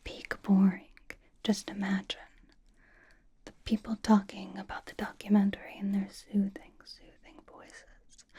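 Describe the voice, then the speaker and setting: Here a woman voices a playful, bossy young female pop idol for ASMR, whispering slow instructions with mock sternness. The breathy whisper sits at medium pitch and has a warm tone.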